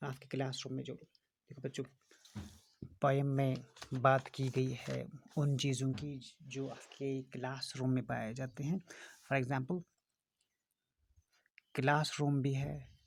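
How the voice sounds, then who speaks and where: Slow, gravelly male schoolteacher. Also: medium pitch, completely flat delivery. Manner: slow, patient explaining with frequent fillers, addressing children. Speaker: school English teacher. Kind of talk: recorded classroom lesson in Hindi and English.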